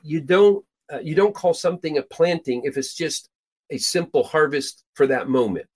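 A middle-aged man raised in Peru, hosting a show and teaching from the Bible in an emphatic way, stressing his high points. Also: moderate pace. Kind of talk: scripture teaching talk.

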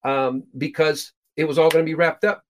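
A man's voice: steady tone, moderate pace, dull audio, a little hiss or hum. Emphatic middle-aged man teaching scripture. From Peru. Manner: emphatic, building to stressed high points. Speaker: host and Bible teacher.

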